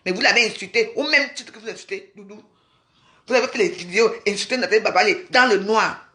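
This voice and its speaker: Bright-voiced woman ranting with scorn. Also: medium pitch, fast talker. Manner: scolding, mocking, repeats insults. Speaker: vlogger. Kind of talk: angry rant at commenters.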